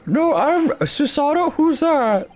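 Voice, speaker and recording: A squeaky, giggly young woman who is very badly pretending to be a man, as a male streamer puts her on in falsetto. The voice sits high and swoops around, with a soft, mellow tone and unhurried delivery, like a line read from a story game. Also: expressive, heavily acted. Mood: playful. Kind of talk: reading game dialogue aloud.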